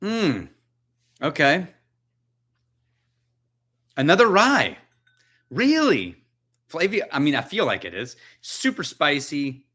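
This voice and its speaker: A man with a bright, forward voice hosts a relaxed whisky tasting livestream from his own home. He chats and jokes with viewers, thinks out loud between sips and answers their comments as they come in. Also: on the high side, takes it slowly, long pauses, husky. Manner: chatty, joking, thinks aloud while tasting. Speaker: whisky channel host. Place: his own chilly house.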